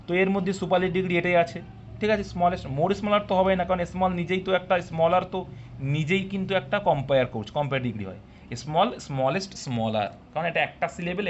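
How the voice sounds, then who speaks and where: In a live exam-prep class, an English coach quizzes his students and walks them through each step, now and then scolding them for answering too soon. His voice is fairly high, and the recording has its highs cut off plus a little background noise.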